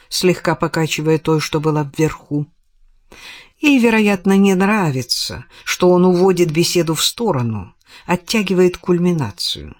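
A woman's voice: low-pitched, no room sound. A woman narrating a detective novel as an audiobook reader, voicing the characters in the dialogue. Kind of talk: audiobook reading.

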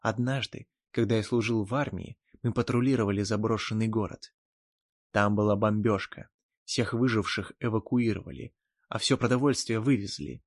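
A man narrating an audiobook in a steady, even storytelling manner. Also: fairly low pitch, normal speed, no room sound. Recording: dry close studio sound.

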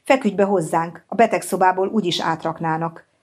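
A woman's voice: on the low side, darkish tone, close to an everyday voice. Brief: woman reads teasing young man, light storybook tone. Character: joking young male nurse friend.

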